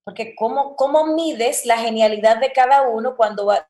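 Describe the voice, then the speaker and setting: A woman's voice: on the high side, normal speed. A woman, a voice-over coach, talking in a podcast interview and acting out quoted examples as she explains. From Dominican Republic. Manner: expressive, acts out quoted examples. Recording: roomy echo.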